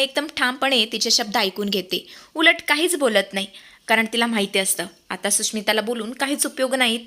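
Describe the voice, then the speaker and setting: Bright-voiced woman narrating dramatically. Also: mid-range voice. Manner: dramatic, vivid. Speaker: storyteller, serial recap.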